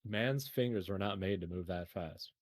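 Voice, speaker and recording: A man's voice: low voice, normal speed, dry recording, clean studio sound. A man co-hosting a podcast, joking and laughing often in casual banter about video games. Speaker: podcast co-host.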